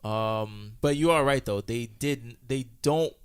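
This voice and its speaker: A man co-hosting a podcast in casual chat, often pausing and searching for words. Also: mid-range voice, smooth. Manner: hesitant, searches for words with fillers. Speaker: podcast co-host.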